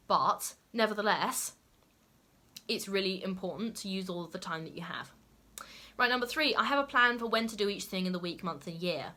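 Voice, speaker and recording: A young adult woman, a lifestyle YouTuber, talks casually to camera in a medium-pitched voice with a sharp tone. She's chatty, sprinkling in plenty of "like" and "okay?" asides.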